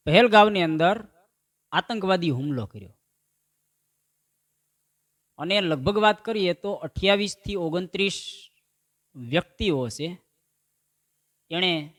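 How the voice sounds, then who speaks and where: A man tells folk comedy tales and slips into the voices of his characters. His voice sits high and carries a bright, forceful edge. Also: measured pace, long pauses. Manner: animated joke-telling, acts out quoted voices. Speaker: stand-up comedian. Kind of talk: Gujarati folk comedy storytelling.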